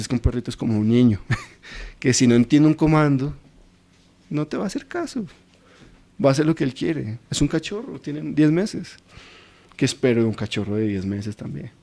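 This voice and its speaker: A man's voice: medium pitch, mellow. A man teaching a Bible study in an informal, anecdotal way, acting out everyday quotes.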